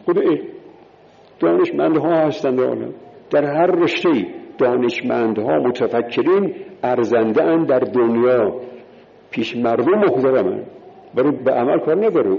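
A man delivers a religious sermon, counting off his points and driving each one home by repeating it. His voice has a gravelly edge. It rings out with a long reverb in a lo-fi recording. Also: mid-range voice. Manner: emphatic, repeats key words, counts points in order. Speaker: preacher.

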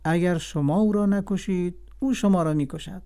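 A man voicing a jealous, scheming vizier who speaks in a smooth, flattering and cunning way, in a storybook reading. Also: sits high, over loud music, pitched above the performer's own voice. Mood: sly.

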